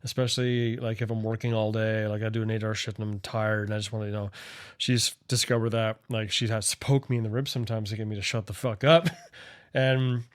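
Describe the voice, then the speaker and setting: A man's voice: on the low side, flat delivery, a little fast. A man in his late thirties co-hosting a podcast, in loose, profane, laughing banter. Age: late 30s. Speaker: podcast co-host. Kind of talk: casual chat.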